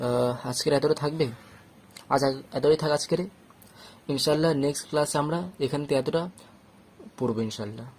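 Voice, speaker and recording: A slightly high-voiced man from Bangladesh or West Bengal teaches Quran reading, with a little hiss or hum in the audio. He goes through letters slowly syllable by syllable in a patient, step-by-step lesson, explaining calmly and asking "okay?".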